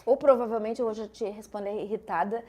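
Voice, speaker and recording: A woman's voice: on the high side, fairly even intonation, fast talker, mellow. A woman, a journalist guest on a podcast, explaining her views in an earnest, reflective way. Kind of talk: casual podcast chat.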